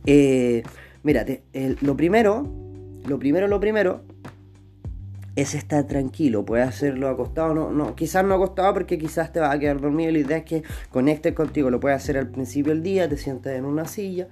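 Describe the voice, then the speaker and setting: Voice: medium pitch, a little fast, dark tone, soft background music. A speaker with a Chilean Spanish accent giving a motivational talk, posing rhetorical questions, answering them, and repeating phrases for emphasis.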